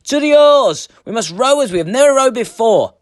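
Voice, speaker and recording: A man's voice: very high voice, animated, normal speed, no echo, studio quality, pitched above the performer's own voice. A man voicing a bold Viking leader in a storybook, earnest and declamatory. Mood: urgent. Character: bold Viking leader, commanding young-hearted hero.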